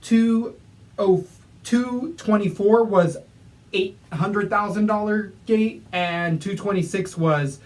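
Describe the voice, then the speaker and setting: High-voiced man co-host, distant mic. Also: slow pace. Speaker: podcast co-host. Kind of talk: casual chat.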